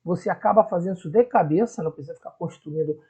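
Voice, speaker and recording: A man's voice: sits high, very fast, warm tone. A man with a Rio de Janeiro accent teaching Portuguese grammar in a video lesson, patiently repeating the verb forms and checking in with the viewer. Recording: husky voice, dull lo-fi sound.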